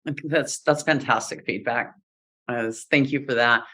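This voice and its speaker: A woman's voice: a bass voice, normal speed. A middle-aged woman hosting an interview show, chatty and appreciative as she wraps up with a guest. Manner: warm, appreciative, chatty with laughs. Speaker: podcast host. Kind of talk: casual interview. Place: home studio with wooden wall.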